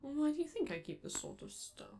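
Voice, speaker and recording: In an intimate ASMR roleplay, a woman voices a flamboyant, affectionate robot entertainer, doting and playful. She speaks softly and hesitantly, sliding into whispers and theatrical endearments, in a full character voice that is high, fast, and fried, with wildly swooping pitch.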